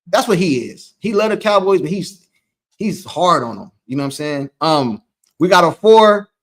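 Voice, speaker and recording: A man's voice: a little high, animated, normal speed. A man hosting a loose, rambling sports talk show, reading from a live chat. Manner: loose, rambling, repeats himself. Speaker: host.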